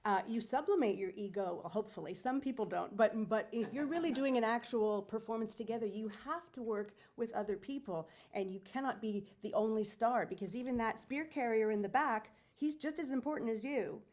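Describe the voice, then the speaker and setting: A woman's voice: on the high side, fairly quick, hardly any pauses, darkish tone. A woman in a community discussion, talking eagerly and at length about theater and the arts. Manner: talkative, enthusiastic, with restarts. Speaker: community panel participant, theater enthusiast. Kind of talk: casual discussion.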